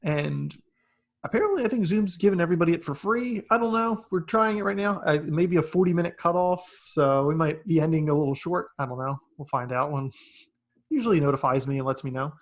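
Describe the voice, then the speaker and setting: A young man hosts a casual podcast from a remote call mic. His voice sits a little high and he laughs easily as he talks. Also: fairly quick. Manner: laughs often, chatty and loose. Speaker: podcast host. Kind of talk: casual chat.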